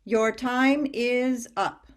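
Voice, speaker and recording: A woman reading the part of an automated prison phone message in a flat, formal announcing tone. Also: fairly high pitch, drawn-out words. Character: recorded prison phone operator message, female. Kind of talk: staged play reading.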